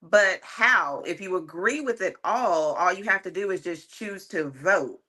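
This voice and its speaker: Woman, somewhat low voice, bright tone, earnest, chatty with ums and likes, panel guest. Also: a little slow. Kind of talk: casual opinionated discussion.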